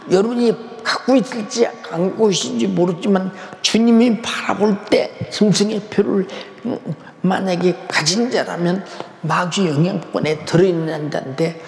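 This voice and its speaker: An older male pastor delivers a fervent sermon with a high-set voice and a gravelly edge. He swings between loud declarations and hushed near-whispers. The sound rings through a large church sanctuary with a long reverb tail. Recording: echoey hall with long reverb.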